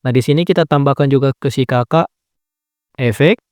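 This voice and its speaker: A medium-pitched man talks at a normal speed in studio-quality audio with no room sound. Acting as a video editing tutor, he calmly explains a phone video edit step by step in a screen tutorial, regularly saying "nah" and revising what he just said.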